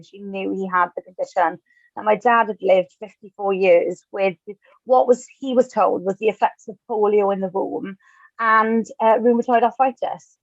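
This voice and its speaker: A Welsh woman in her thirties, speaking at an online event, tells her own story in a chatty, self-deprecating way with light asides. Her voice sits in the mid-range, and the lo-fi recording has no room sound.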